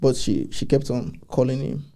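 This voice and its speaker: A man, a podcast guest telling a story in a casual chat, animated and laughing often. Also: mid-range voice, normal speed.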